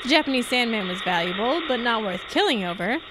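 On stage in a live old-time radio drama, a woman reads from a script as a confident, wry female private detective, explaining with assurance into a handheld-style microphone on a stand. Her fairly high voice is animated and fast, lightly acted, with background noise present.

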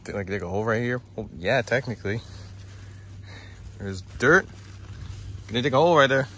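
A man vlogging outdoors near the woods in a rough morning voice, bantering, grumbling and joking as he talks. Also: mid-range voice, lively intonation, brisk, bright, forceful tone, slight background noise. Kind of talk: casual outdoor vlog chat.

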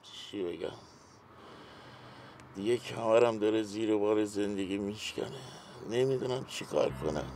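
A man's voice: lowish voice, darkish tone, slight background noise, close to an everyday voice. A man playing Samad, a weary worn-down man. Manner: weary, downcast complaining. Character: weary indebted middle-aged man, worn down. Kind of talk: TV series acting.

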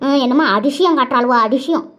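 A woman's voice: sits high, background noise, close to an everyday voice. Cartoon village aunt, sarcastic and nagging, voiced by a woman, dull lo-fi sound. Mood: scornful. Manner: nagging, sarcastic, drawn-out complaints. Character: sharp-tongued gossiping middle-aged village aunt. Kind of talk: cartoon voice acting. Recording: dull lo-fi recording.

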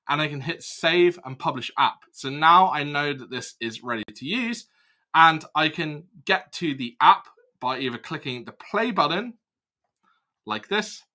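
A young man casually walking through a software demo, explaining each step as he clicks. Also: on the high side. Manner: casual, explanatory, thinks aloud while clicking. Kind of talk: screen-recorded product walkthrough.

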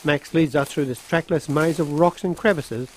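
A man's voice: on the high side, moderate pace, slight background noise. An Australian man narrating a travelogue as presenter, reading scripted voice-over. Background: music under voice-over.

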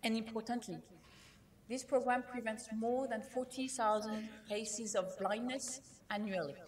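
A woman whose first language is not English, giving a conference keynote in a measured way, with frequent fillers and restarts. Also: on the high side, steady tone. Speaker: keynote speaker.

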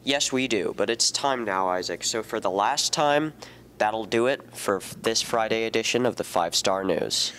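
Teen guy reading school news, bit low, faint noise behind. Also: moderate pace, fairly bright tone. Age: teens. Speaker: student news co-anchor. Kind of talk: scripted news hosting. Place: indoors by a brick wall. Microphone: handheld microphone.

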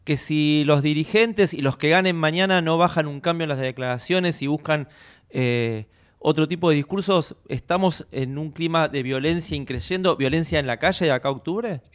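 A man's voice: a little high, normal speed, clear, resonant tone. A middle-aged man hosting a radio interview over a video call, asking long questions with many fillers. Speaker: radio host.

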